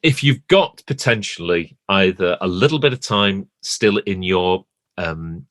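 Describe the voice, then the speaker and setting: Male co-host, fairly low voice, conversational and halting, very dry recording. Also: animated, a bit bright, no room sound. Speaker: podcast co-host. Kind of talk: casual podcast chat.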